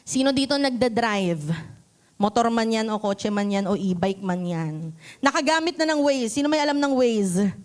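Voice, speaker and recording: Filipino woman pastor, high voice, lively sermon to a church, keeps asking the room questions. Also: normal speed. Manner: asks the congregation questions often; acts out quotes in voices. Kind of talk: Taglish sermon. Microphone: handheld mic.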